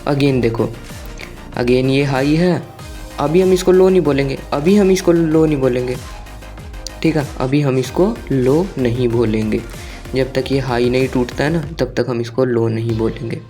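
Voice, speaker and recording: A man's voice: medium pitch, unhurried, dark tone, soft background music. A man teaching a trading lesson over a chart, talking casually, repeating himself and quizzing his viewers. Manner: conversational, asks viewers questions, repeats phrases. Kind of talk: screen-share chart lecture.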